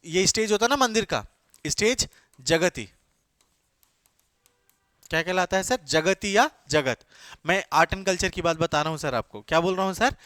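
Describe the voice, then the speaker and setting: A man's voice: high voice, a bit bright, no room sound, clean studio sound. A male teacher giving an exam-coaching lecture. He keeps asking his class questions and answering them himself, mixing English terms into his talk. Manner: mixes English terms into Hindi.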